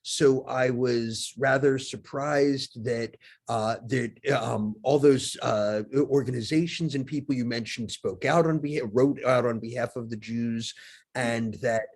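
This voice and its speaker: A man in the audience, speaking at an average pitch. He asks a thoughtful question slowly and haltingly, restarting his phrases, over a video call. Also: steady tone. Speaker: audience member.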